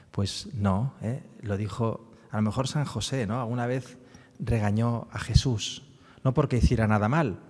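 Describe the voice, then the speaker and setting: A man's voice: fairly low pitch, darkish tone, long reverb tail. A man from giving a public talk about a book on the psalms, explaining as he goes and often tagging his sentences with little questions. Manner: explanatory, frequent tag questions. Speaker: speaker presenting a book on the psalms.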